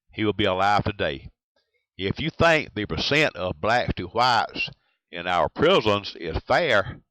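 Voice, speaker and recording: A man's voice: fairly low pitch, a bit bright, dry recording, low-quality recording. A man with a Southern US accent delivering a blunt, provocative scripted monologue as an aspiring talk radio host. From USA. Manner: blunt, provocative, list-like repetition.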